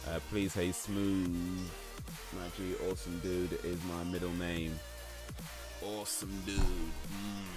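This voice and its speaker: Over music, a man speaks slowly in a low, level voice while hosting a livestream. He chats casually with viewers and reads quiz statements aloud, stumbling through fillers and restarts in a rambling, hesitant way.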